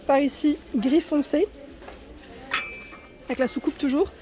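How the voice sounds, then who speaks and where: With a handheld phone in hand, a woman walks a large furniture store for her casual shopping vlog, showing products and chatting warmly and directly to her audience, frequently ending sentences with "hein." Her voice is high and bright, her delivery unhurried, against a noisy background.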